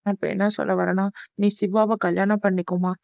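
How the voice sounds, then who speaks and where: A woman's voice: mid-range voice, little pitch movement, brisk, creaky, a little mellow, no echo, close to an everyday voice. Lady doing a sly middle-aged cartoon aunt, begging and guilt-tripping, dry dull audio. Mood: pleading. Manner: pleading and emotionally pushy. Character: scheming middle-aged aunt, sweet to your face. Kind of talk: cartoon voice acting.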